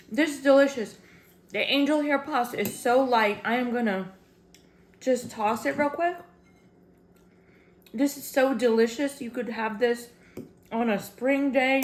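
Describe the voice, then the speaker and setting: A woman talks viewers through her own home cooking demonstration in a chatty, upbeat way. Her voice sits a little on the high side, and she keeps calling the audience "guys" as she explains each step. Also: echoey room. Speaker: cooking channel host.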